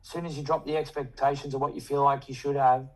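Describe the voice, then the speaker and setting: A man's voice: mid-range voice, little pitch movement, fast, low-quality recording. A man chatting casually in a rambling, slangy, sweary way. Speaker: coaching client. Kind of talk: casual chat.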